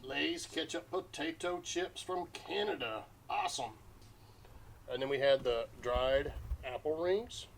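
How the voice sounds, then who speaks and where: A man's voice: on the high side, measured pace, gravelly. A middle-aged man with a Southern US accent hosts a casual snack tasting, chatting in a folksy way as he crunches and chews. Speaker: host of a family snack taste-test video. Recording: noticeable background noise.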